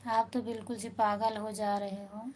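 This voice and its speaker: A woman's voice: medium pitch, little pitch movement, normal speed, a little mellow, a little hiss or hum. A woman with an Awadhi accent chatting casually with viewers of her live stream from home, reading out their comments and repeating greetings. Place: at home indoors.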